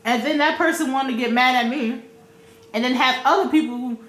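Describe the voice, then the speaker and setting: A woman's voice: sits high, brisk, a bit bright, echoey room. A woman vlogging her opinions in a blunt, profane way, repeating her points for emphasis. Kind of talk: casual opinion rant.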